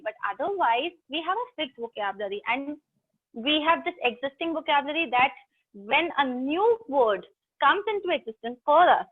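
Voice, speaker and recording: A South Indian woman with an Indian English accent and a high voice teaches an English class online, chatting and teasing as she addresses her students directly. She's on a video call, so the audio sounds tinny.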